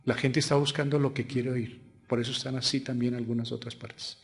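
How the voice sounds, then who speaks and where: This pastor, speaking Spanish with a Colombian accent, preaches at a slightly fast pace with little pitch movement in his medium voice. He throws out rhetorical questions and shifts from emphatic loud lines to hushed asides.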